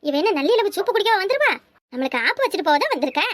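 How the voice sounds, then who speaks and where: A woman voicing a sharp-tongued, grumbling young wife in a cartoon, with a Kanyakumari Tamil accent. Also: very high-pitched, big pitch swings, racing, dry recording, clean studio sound, exaggerated voice. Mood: sarcastic. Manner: sarcastic, grumbling. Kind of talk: cartoon voice acting.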